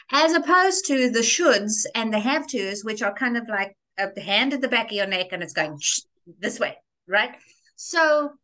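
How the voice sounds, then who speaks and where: A woman speaking as a guest in an interview, expressive and theatrical, with lively emphasis on key words. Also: fairly high pitch. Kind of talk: enthusiastic interview conversation.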